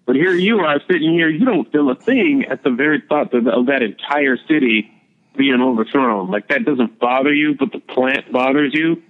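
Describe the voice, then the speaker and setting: A man's voice: mid-range voice, normal speed, close to an everyday voice. A man voicing God as he patiently reasons with a sulking prophet. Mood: reasoning. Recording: dull lo-fi recording.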